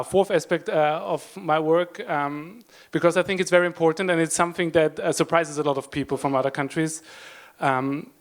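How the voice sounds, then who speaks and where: A man speaking, a politician talking on a conference panel, hesitant and full of restarts. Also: fairly high pitch. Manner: hesitant, many fillers and restarts.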